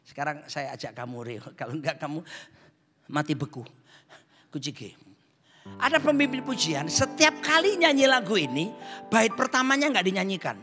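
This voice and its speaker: A male pastor preaching a dramatic, playful sermon, swinging from loud bursts to hushed asides, in a church auditorium. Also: on the high side, husky. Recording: echoey hall with faint music.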